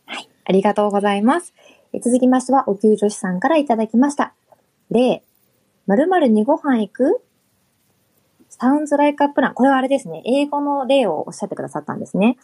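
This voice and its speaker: A woman's voice: a little high, lively intonation, fast talker, dark tone, husky. A woman co-hosting a podcast, politely reading out listener comments and chatting. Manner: polite, reads comments aloud. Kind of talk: casual podcast chat.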